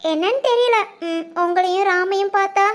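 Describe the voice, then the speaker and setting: A woman's voice: extremely high pitch, moderate pace. A woman voicing an affectionate, grateful young woman in a comedy cartoon, sweetly teasing her host family. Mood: fond.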